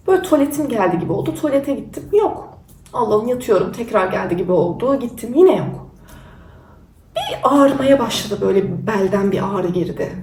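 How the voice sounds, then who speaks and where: A young woman tells her own story in a casual, candid way, poking fun at herself. Her voice sits a little high. She sounds set back from the microphone in an echoey room with a faint hiss underneath. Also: dark tone. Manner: candid and self-mocking. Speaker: vlogger. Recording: roomy sound from a distance.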